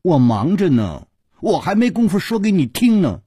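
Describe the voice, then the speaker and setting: A man voicing a sly, mocking boy servant who teases smugly, sometimes dropping to a soft sneer. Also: high-pitched, sing-song, moderate pace, breathy edge, no room sound, studio quality, pitched above the performer's own voice, heavily acted. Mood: sly, teasing. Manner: teasing, smug, soft sneering asides.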